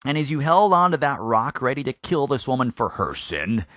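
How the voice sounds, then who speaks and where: A man's voice: mid-range voice, sing-song, normal speed, fairly bright tone, no room sound, studio quality. A man teaching a sermon on a Bible passage, talking conversationally and putting questions to his listeners. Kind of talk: expository sermon.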